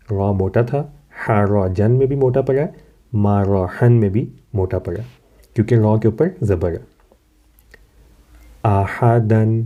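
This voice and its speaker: A man teaching a recorded Quran reading lesson, explaining calmly and patiently and stretching out syllables slowly when he models the words. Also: on the low side, phone-quality sound.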